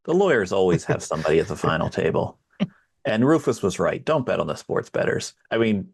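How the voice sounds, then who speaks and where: A male podcast co-host with a low, gravelly voice. He talks in a relaxed, deliberate way and teases his guest. His manner stays casual throughout. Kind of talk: casual interview chat.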